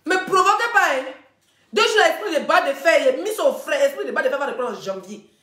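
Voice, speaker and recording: A woman hosting a live video, chatting casually with her viewers and telling a story in an animated way, laughing often. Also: high voice, brisk. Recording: echoey room.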